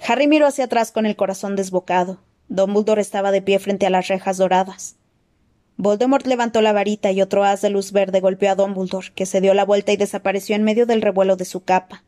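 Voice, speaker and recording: A woman reading a fantasy novel aloud as interpretive audiobook narration. She tells the action with expressive, dramatic delivery. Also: mid-range voice, a little fast. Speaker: audiobook reader.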